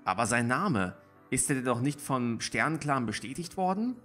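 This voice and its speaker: A man voicing an ancient, grumbling one-eyed she-cat elder with a croaking, cracked voice in a storybook reading. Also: medium pitch, big pitch swings, normal speed, a bit bright, soft background music.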